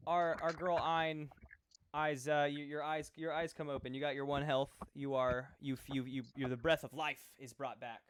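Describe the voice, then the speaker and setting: A man's voice: on the high side, level tone, a little hiss or hum. A man running a tabletop role-playing game, talking casually with many fillers and restarts. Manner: halting, full of fillers, casual. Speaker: game master.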